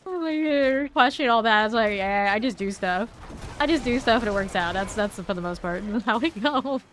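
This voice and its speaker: A woman's voice: fairly high pitch, expressive, moderate pace, soft background music. A woman streaming a game, chatting casually and rambling to her viewers as she plays. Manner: chatty, rambling, talks to chat. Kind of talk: casual gameplay chat.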